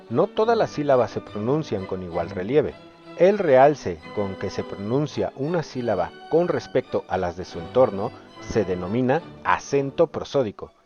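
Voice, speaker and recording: A young man, a student presenter, reading a scripted lesson narration in a measured, explanatory way. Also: lowish voice, a little mellow. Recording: dull lo-fi voice-over.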